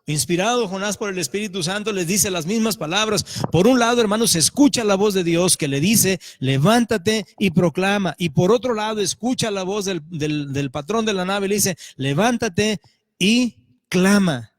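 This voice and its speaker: A male pastor preaching a sermon, animated, acting out voices and questioning the congregation. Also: high-pitched, fairly quick, hardly any pauses. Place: church sanctuary. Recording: church hall reverb.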